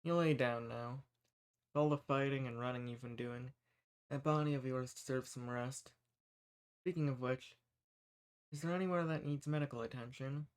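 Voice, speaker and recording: His mid-range voice stays steady at a moderate pace, clean in tone and broken by long pauses, with only light acting. He plays a folksy, earnest human rebel who protects monsters, speaking softly to the listener in a scripted audio roleplay and reassuring them in a friendly way, saying "y'all" and "ain't."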